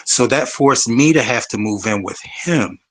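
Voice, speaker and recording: A man's voice: mid-range voice, animated, measured pace, fairly bright tone. A man, telling a personal story on a discussion panel in an emphatic, profane, conversational way.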